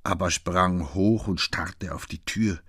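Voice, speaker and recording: Male narrator, deep, husky, measured, dry recording. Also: a bit bright, no echo. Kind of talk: audiobook reading.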